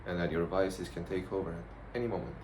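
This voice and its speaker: A man giving a casual, rambling vlog monologue in a blunt, profane, halting way. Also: low voice, steady tone. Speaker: vlogger. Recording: noticeable background noise.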